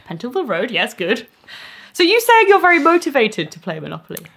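A woman co-hosting a podcast in casual chat, teasing and quick to laugh. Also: high-pitched, wildly swooping pitch, gravelly, fairly bright tone, slightly rough. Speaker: podcast co-host.

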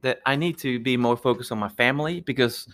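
Earnest Peruvian-born man, halting speech. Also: mid-range voice, fairly bright tone. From Peru. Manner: earnest, halting with many restarts. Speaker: guest, architect. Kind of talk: podcast interview.

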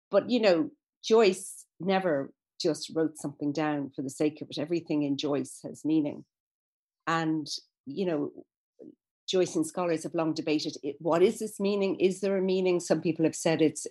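In a deep, darkish voice, a female guest expert on literature speaks during a conversational interview. Her explanations are long and thoughtful, often interrupted by fillers and restarts.

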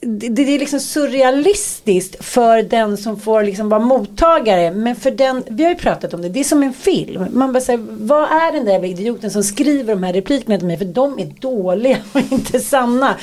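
Lively higher-pitched woman telling stories. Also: few pauses. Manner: lively storyteller, laughs, acts out quotes. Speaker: podcast guest. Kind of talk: casual podcast chat.

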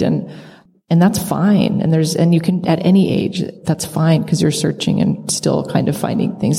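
A woman's voice: on the low side, vocal fry, mellow. A woman panelist speaking earnestly and encouragingly to students. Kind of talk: live panel discussion. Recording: long hall reverb.

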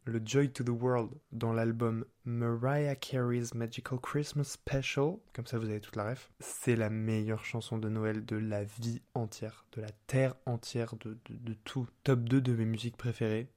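A man's voice: medium pitch, fairly even intonation, measured pace, hardly any pauses, a little mellow. A young man hosting a casual solo podcast, chatty and playful, using slang and laughing often. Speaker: podcast host. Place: apartment.

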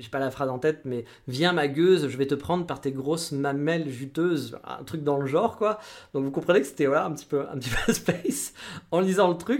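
Man in his forties, podcast host, rapid frank storyteller, mid-pitched voice. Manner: chatty, frank, many fillers and restarts. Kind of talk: casual storytelling monologue.

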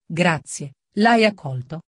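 A woman reading the part of a worried gentleman asking questions, in a plain voice. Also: on the low side, expressive, takes it slowly, no room sound, studio quality. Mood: puzzled.

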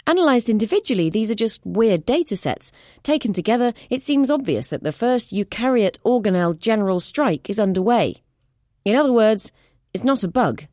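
A woman voicing a sharp, impatient woman scientist who explains in a brisk, lecturing way, read as an audiobook. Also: on the high side, lively intonation, no echo, studio quality, pitched above the performer's own voice, natural voice. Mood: urgent lecturing. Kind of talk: audiobook reading.

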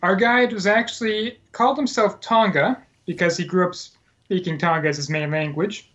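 This man's voice sits high and a bit bright, with a steady tone and normal speed. Chatting casually on a podcast, he recalls serving in the Peace Corps, wandering through the story with plenty of fillers and corrections over dull, lo-fi audio.

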